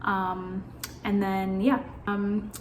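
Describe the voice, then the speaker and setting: A woman's voice: medium pitch, flat delivery, drawn-out words, a little hiss or hum. Anxious rambling woman vlogger, echoey room. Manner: anxious, rambling, swears casually. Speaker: beauty vlogger. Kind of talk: casual chat. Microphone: phone camera.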